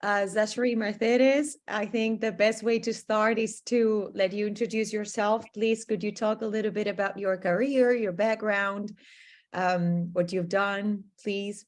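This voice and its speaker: A woman hosting a virtual program event over a video call, talking in a halting way with many pauses and ums. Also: medium pitch, steady tone. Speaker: program host.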